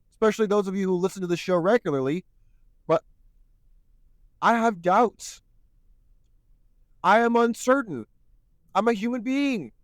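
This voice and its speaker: On a solo podcast, a male host with a high voice speaks earnestly and somewhat preachily, returning again and again to "my friends." He's clearly losing his voice, and the recording is dry.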